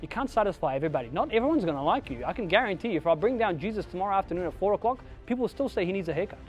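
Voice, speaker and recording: A man's voice: sits high, animated, very fast, faint music behind. A man with an Australian accent giving a blunt, profane motivational talk to an audience, barking emphatic commands. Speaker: keynote speaker.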